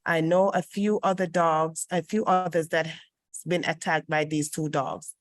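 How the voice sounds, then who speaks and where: A woman with a slightly low voice chairs a public board hearing, heard over an online group voice call. Her delivery is formal and procedural, dotted with ums and small restarts as she moves through the agenda. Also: steady tone, moderate pace. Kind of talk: formal meeting chairing and reading into the record.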